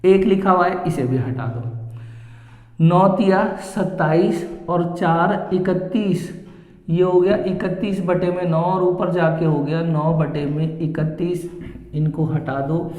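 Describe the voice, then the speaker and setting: A man teaching maths at a board, explaining each step slowly and repeating the same phrases as he goes. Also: on the high side, darkish tone. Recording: echoey room with long reverb.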